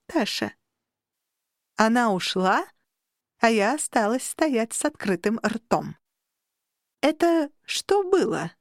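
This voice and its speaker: Expressive woman audiobook narrator. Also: a little high, no room sound, clean studio sound. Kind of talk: first-person audiobook narration.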